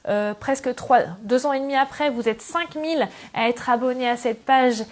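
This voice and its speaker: A high-pitched woman speaking at a moderate pace demonstrates scrapbooking in a casual tutorial. Middle-aged and French, she hosts the channel and talks to her viewers in a chatty, affectionate way while she works.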